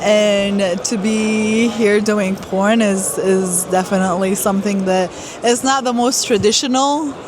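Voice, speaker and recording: A young woman from Iraq giving candid, casual interview answers, halting often with fillers. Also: mid-range voice, fairly even intonation, noisy background. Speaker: guest performer. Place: busy trade fair hall. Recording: loud crowd chatter behind.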